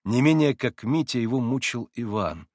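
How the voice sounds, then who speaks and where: A male audiobook narrator reading a classic novel in a measured, somber way. His pitch sits in the middle range. The recording is dry and close, with no echo. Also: lively intonation, darkish tone.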